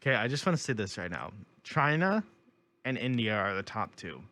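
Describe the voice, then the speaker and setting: A man's voice: on the low side, sing-song, fairly quick, sharp tone. A young man co-hosting a casual chat, rambling through stories and laughing often. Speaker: co-host.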